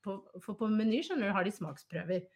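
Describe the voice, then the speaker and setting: A woman chatting casually as a podcast co-host. She tells anecdotes and breaks into laughter often, with a relaxed conversational flow. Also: mid-range voice. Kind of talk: casual chat.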